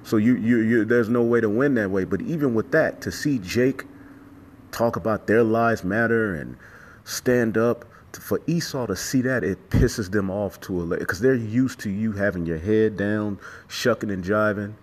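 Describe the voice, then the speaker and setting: A man's voice: lowish voice, moderate pace. A man giving an informal sermon as a religious teacher, speaking emphatically and repetitively with profanity. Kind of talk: informal sermon with scripture reading and commentary.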